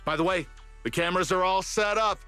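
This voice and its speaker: An excitable male TV director in an anime game, with a high, bright voice. He is polite and placating, always eager to please, with music behind him. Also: fairly quick, smooth. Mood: apologetic. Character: eager, apologetic young male beach show director.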